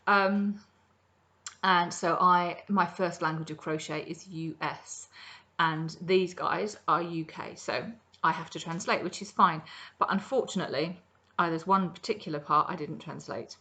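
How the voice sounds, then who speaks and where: A middle-aged woman with a fairly low, sharp-toned voice hosts a crafting podcast from her kitchen indoors, speaking unhurriedly with fairly even intonation. She rambles chattily through a casual show-and-tell of her projects, saying um a lot.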